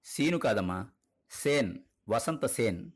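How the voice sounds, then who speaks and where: A man voicing a kind, gentle male schoolteacher who questions a child softly, in a husky voice. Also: mid-range voice, very animated, normal speed.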